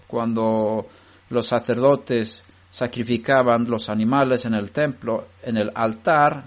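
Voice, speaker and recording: A man giving an unscripted religious lesson to a study group, explaining step by step in a measured way and often restarting his sentences. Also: medium pitch. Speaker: Bible study teacher. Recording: dull lo-fi recording.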